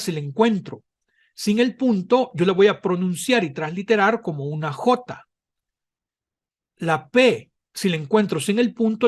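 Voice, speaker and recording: A man teaching a Hebrew language class, explaining patiently and often pausing with "eh" or checking in with "¿verdad?". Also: sits high. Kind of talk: online class lecture.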